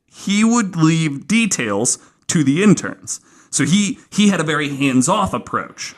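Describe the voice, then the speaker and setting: His voice is fairly high and sing-song, delivered at a measured pace. He's a podcaster casually narrating a true-crime tale from notes, with some cursing and voiced-out quotations.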